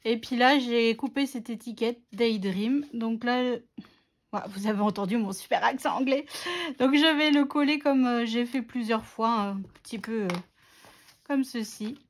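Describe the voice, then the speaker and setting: A woman's voice: a little high, normal speed. A woman narrating a scrapbooking tutorial in a chatty, self-mocking way, with many fillers. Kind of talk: casual craft tutorial narration.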